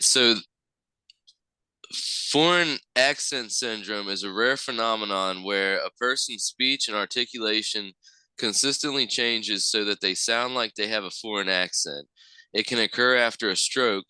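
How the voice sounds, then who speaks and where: Bright, crisp low-voiced podcast reader. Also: male voice, no room sound, rough recording. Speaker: podcast co-host. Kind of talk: reading news articles aloud on a podcast.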